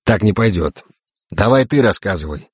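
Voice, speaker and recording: A man doing a gruff, wary space navigator. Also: on the low side, lively intonation, normal speed, no room sound, highs cut off, voice pushed up. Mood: puzzled. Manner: gruff, commanding.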